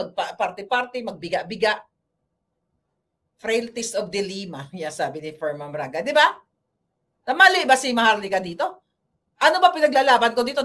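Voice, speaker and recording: A fairly high-pitched woman from the Philippines talking straight to her viewers in a loose political commentary vlog. She is blunt and combative and chats at length, sliding between Tagalog and English as she goes. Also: a bit bright. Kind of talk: casual political commentary monologue.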